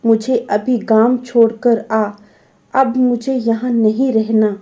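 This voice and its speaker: A woman's voice: fairly high pitch, fairly even intonation, takes it slowly, dark tone. A woman voicing a stubborn, angry older mother-in-law who scolds and insists, on a dull lo-fi recording.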